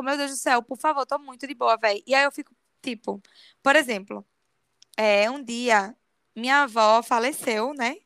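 A woman's voice: fairly high pitch, smooth, no echo, studio quality. A young woman, chatting animatedly as a podcast co-host and telling a spooky story. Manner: animated, swears she is telling the truth. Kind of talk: casual podcast chat.

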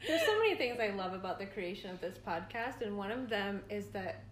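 A woman's voice: medium pitch, sing-song, fairly quick. Rambling, laughing woman podcast co-host. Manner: rambling, laughs often, many fillers. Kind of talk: casual chat. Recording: echoey room, faint noise.

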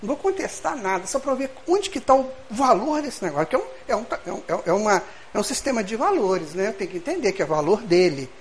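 A man's voice: sits high, big pitch swings, quick pace, few pauses, a little hiss or hum. A middle-aged man with a Brazilian Portuguese accent, leading a study group with a spiritual lecture, speaking folksily and acting out little dialogues as he addresses the group.

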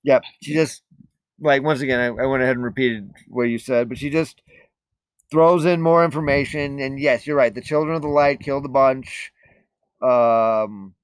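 A man's voice: mid-range voice, steady tone, normal speed, clear, resonant tone, no room sound, low-quality recording. A man co-hosting a casual book podcast, rambling with lots of fillers and swearing casually. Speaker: podcast co-host.

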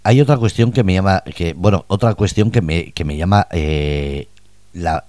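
A man's voice: low-pitched, moderate pace, darkish tone, no echo. A man hosting a radio interview, asking hesitant questions with lots of "eh" fillers. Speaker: radio host.

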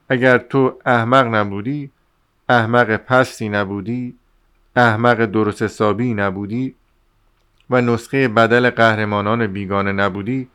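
A man reading as a loud, scolding young friend. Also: on the low side, clean tone, natural voice. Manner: shouting, scolding.

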